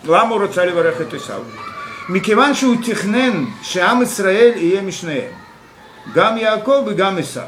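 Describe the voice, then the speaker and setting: High-voiced man teaching Torah, halting. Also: lively intonation, fairly bright tone. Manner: halting, full of fillers and rhetorical questions. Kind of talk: Torah class. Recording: echoey room with faint background noise.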